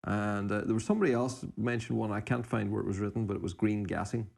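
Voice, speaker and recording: A man's voice: on the low side, quick pace, vocal fry, a little mellow. A man co-hosting a podcast, reading out listener suggestions and adding brief, informal remarks in casual unscripted chat. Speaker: podcast co-host.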